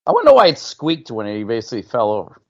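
A man's voice: mid-range voice, huge pitch swings, fast, gravelly, a little mellow, no room sound. A man co-hosting a podcast with casual, wisecracking commentary on a film. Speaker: podcast co-host. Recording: dry, slightly dull audio.

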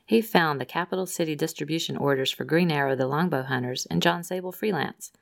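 A woman with a low voice and a gravelly edge reads listener messages as co-host of a podcast. She stays upbeat and leans into the quoted lines with lively emphasis. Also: fairly quick. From Rhode Island, USA. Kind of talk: reading listener mail.

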